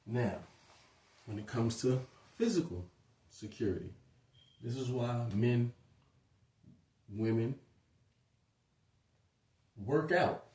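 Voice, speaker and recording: A man's voice: medium pitch, expressive, slow, long pauses, a little mellow. A man giving a casual spoken lecture, talking loosely with many asides and fillers. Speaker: speaker giving a short lecture. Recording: roomy echo, distant from the mic.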